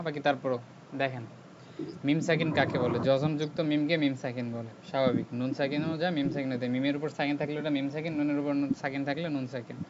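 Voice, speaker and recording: A male teacher leading an online Quran recitation class, patiently repeating each question so students answer back. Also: on the high side. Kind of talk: online class teaching with call-and-response drills. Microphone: video call. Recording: muffled video-call audio with noise.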